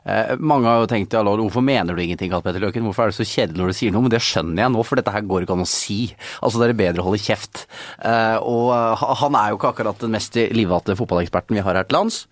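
A man's voice: fairly low pitch, few pauses, no room sound, clean studio sound. A man co-hosting a football podcast, giving blunt, mocking opinions. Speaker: podcast co-host. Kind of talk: casual sports opinion.

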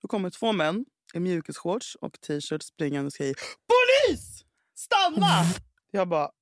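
A woman's voice: on the low side, dry recording. Woman telling a story on a podcast, gets worked up, swears a lot, dry close sound. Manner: animated, swears a lot, acts out quotes. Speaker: podcast co-host. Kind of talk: casual chat, storytelling.

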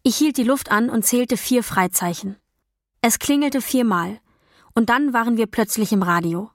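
A woman reading a first-person novel as an audiobook, in a calm, even storytelling voice with quiet dialogue voices. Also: fairly high pitch, normal speed, no echo, studio quality. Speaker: audiobook narrator. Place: dry recording booth. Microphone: close studio mic.

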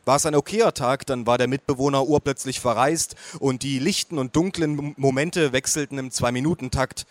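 A man reading a first-person audiobook in a calm, measured way with a wry edge. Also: medium pitch, no echo. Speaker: audiobook reader.

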